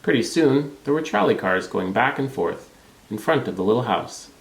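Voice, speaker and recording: A man's voice: mid-range voice, expressive, moderate pace, gravelly. A man reading a children's storybook aloud as narrator. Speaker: storybook reader. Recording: roomy, echoing room sound.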